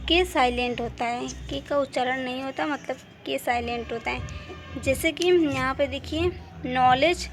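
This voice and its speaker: A woman's voice: sits high, fairly bright tone, a little hiss or hum. A woman teacher patiently explaining English spelling rules step by step in a home-made lesson video.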